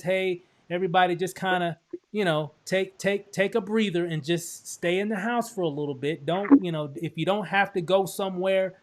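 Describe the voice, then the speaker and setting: A man from Texas hosting a casual promotional chat over a video call, upbeat and full of restarts and fillers. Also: high voice. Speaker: host.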